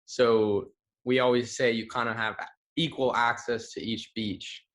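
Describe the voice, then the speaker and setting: A young man from Hawaii talking as an actor guest, relaxed and chatty with casual slang. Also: mid-range voice, unhurried. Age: young adult. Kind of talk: casual interview answers.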